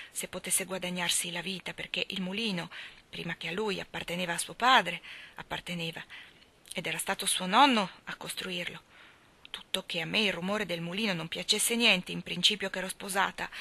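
A woman's voice: mid-range voice, bright, forceful tone. A woman reading an audiobook, voicing a fretful middle-aged miller's wife who rambles and pleads anxiously.

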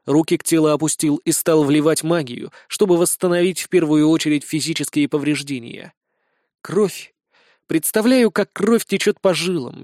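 A man reading a first-person fantasy audiobook in a measured storytelling manner. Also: fairly high pitch, a little mellow, dry recording, studio quality. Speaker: audiobook reader.

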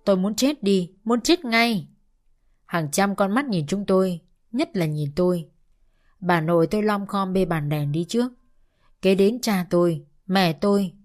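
A woman reading a dramatic first-person story aloud in a steady narrating voice. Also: medium pitch, measured pace.

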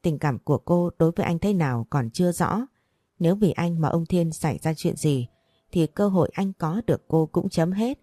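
A woman narrating a romance audiobook in a steady storytelling manner. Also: on the low side, moderate pace, no room sound, studio quality.

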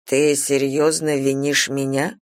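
A woman voicing an arrogant male god in an audiobook, speaking slowly and low with a mocking, teasing edge. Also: little pitch movement, no echo, clean studio sound. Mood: stern. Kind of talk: audiobook character voice.

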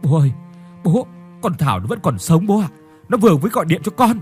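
A man's voice: a little high, big pitch swings, fairly quick, soft background music, pitched above the performer's own voice. A man voicing a frightened, guilty young husband who stammers in panic. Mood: panicked.

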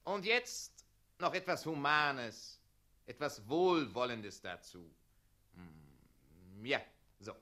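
An actor playing a fussy, pedantic town mayor in a radio play, drilling the townsfolk on how to say their lines. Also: male voice, medium pitch, big pitch swings, slow, sharp tone, full character voice. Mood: bossy. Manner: bossy and pedantic, coaching others' delivery, then servile.

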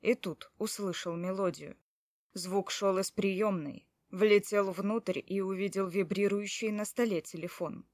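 A woman's voice: fairly low pitch, no echo, clean studio sound. A woman narrating in first person as a hot-tempered, jealous adult man, brusque and swearing under her breath.

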